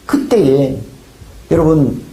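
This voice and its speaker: A man preaching a sermon as pastor, lively, often prompting the congregation with quick asides. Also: fairly high pitch, roomy sound. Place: church sanctuary.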